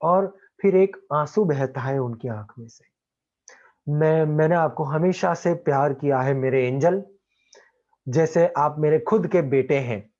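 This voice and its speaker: High-voiced Indian man teaching a play. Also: darkish tone. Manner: reads lines aloud slowly and acts out characters with laughs. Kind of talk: explaining a play in Hindi and English. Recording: dull lo-fi sound.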